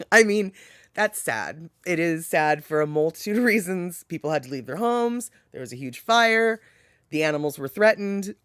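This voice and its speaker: With a mid-range, slightly bright voice, a US live-streamer reads out viewer chat and talks loosely with the audience. They wander off topic, fix their own slips and laugh at what they've said, all captured in clean studio sound with no echo.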